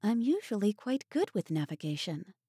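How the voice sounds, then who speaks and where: A woman's voice: medium pitch, sing-song, normal speed, dark tone, slightly rough, no echo, studio quality, voice pushed up. A woman playing an earnest, wistful young woman.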